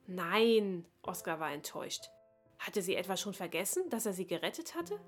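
A woman reading a children's Christmas story aloud in a calm, expressive voice. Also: on the low side, a little fast, slightly rough, soft background music.

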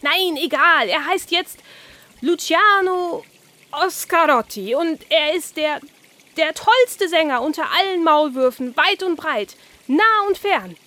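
A woman's voice: expressive, slow pace, bright, forceful tone, heavily acted. Woman doing an overexcited bossy carp. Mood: exuberant. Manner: high, gushing, theatrical coaxing. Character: excitable male carp, bossy and over-the-top cheerful.

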